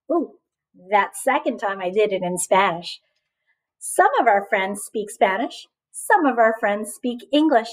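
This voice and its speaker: As a teacher of young children, a woman with a fairly high pitch reads aloud from a picture book, sounding animated and encouraging. She frequently asks questions and waits for replies, and the recording is rough.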